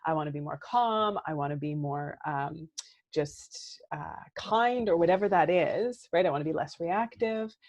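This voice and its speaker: A woman's voice: low-pitched, unhurried, darkish tone. A woman therapist and coach in her thirties, talking earnestly and reflectively as a podcast guest, often checking in with "right?". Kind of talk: casual podcast conversation.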